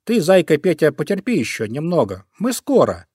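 A man voicing an excited young male crow in a children's story. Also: on the high side, moderate pace, husky, no room sound, clean studio sound, pitched above the performer's own voice, exaggerated voice. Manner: eager, excited.

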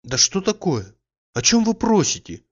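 A man reading an audiobook, voicing an agitated, proud young woman who is quick to take offense and speaks with impatient emotion. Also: a little high, big pitch swings, fairly bright tone, muffled recording, pitched above the performer's own voice. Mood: flustered.

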